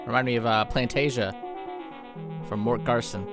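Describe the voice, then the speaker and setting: A man's voice: mid-range voice, steady tone, moderate pace. A man hosting an album reaction, reacting enthusiastically and thinking aloud with fillers while the record plays. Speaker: music reaction host. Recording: music playing loudly underneath. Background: album music playing.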